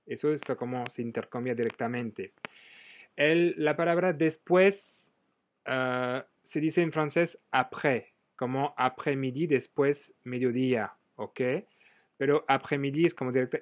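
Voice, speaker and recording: A man teaching French vocabulary, patiently repeating each example phrase. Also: mid-range voice.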